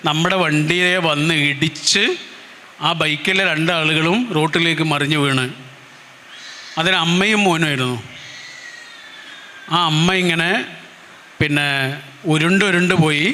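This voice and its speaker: A man's voice: high-pitched, sharp tone, big-room sound, a little hiss or hum. A man giving a motivational speech, telling a personal story in an earnest, emotive way with repetitions. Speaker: motivational speaker.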